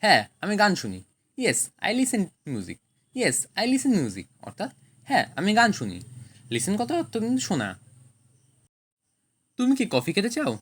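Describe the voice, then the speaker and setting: Woman teaching translation with lively pitch. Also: normal speed, pauses often, slightly rough. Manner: reads each sentence in Bengali, then English, then explains. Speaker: language teacher. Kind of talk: scripted translation lesson.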